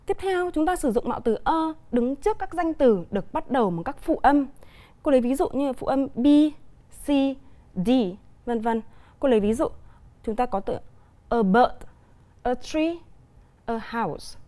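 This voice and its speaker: Vietnamese-accented woman teacher, bright high register, patient televised lesson delivery. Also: lively intonation. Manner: clear, deliberate explaining with examples. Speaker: English teacher.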